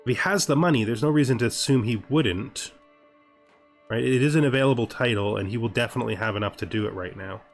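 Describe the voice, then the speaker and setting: A gaming host playing a strategy game thinks aloud while he plays, deliberating, repeating himself, and often checking in with a questioning tag. He talks fast in a medium-pitched voice over background music.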